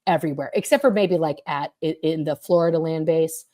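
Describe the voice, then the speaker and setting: A woman on a video call, telling her past experiences as a guest in a casual, animated way with fillers and swearing. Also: sits low, brisk. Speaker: guest, former member recounting experiences. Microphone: computer mic on a video call.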